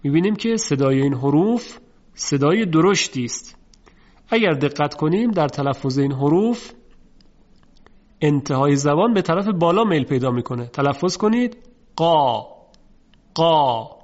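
A man teaching Quran recitation with a slightly high voice. He explains each letter plainly, then stretches the example words out slowly. The recording sounds dull and lo-fi. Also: expressive, a little mellow. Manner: slow, drawn-out demonstration of heavy letter sounds. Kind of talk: tajweed lesson.

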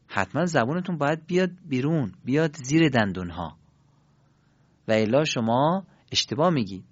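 A male teacher giving a pronunciation lesson, explaining calmly and drawing out syllables for learners to repeat back. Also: medium pitch, no echo. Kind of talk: pronunciation lesson with call-and-response drills. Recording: dry, dull lo-fi recording.

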